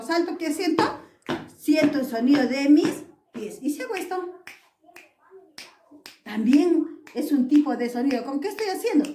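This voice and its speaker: A woman teaching young children in a lively, playful way, acting out sneezes and yawns, with a Peruvian Spanish accent. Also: high voice, reverberant. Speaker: preschool teacher.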